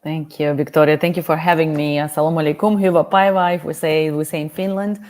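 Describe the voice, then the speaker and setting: A woman's voice: low voice, steady tone, fast talker, darkish tone. A woman from Uzbekistan, a diversity consultant, introducing herself on a video-call panel with earnest, repeating speech. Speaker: guest speaker, diversity consultant.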